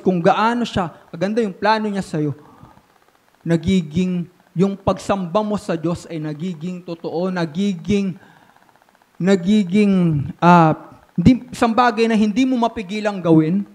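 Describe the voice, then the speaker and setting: Pastor, male, high-pitched voice, animated sermon delivery, slips English into his preaching. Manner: animated preaching with sudden swings from loud to hushed.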